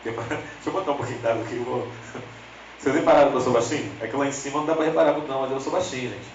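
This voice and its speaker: A man's voice: very fast, lo-fi sound, a little hiss or hum. A man with a Brazilian accent preaching a humorous storytelling sermon, chatting directly with the congregation. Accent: Brazilian Portuguese. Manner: swings into lively high voices for quoted people. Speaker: lay preacher. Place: church sanctuary. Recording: echoey church hall, slightly distant.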